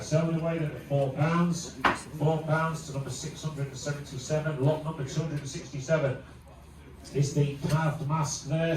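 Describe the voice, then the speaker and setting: A man's voice: a little high, very noisy. A British man working as an auctioneer, calling bids in a repetitive, clipped chant of numbers with bantering asides. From United Kingdom. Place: busy auction room. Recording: distant echoey room with loud crowd. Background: loud crowd chatter.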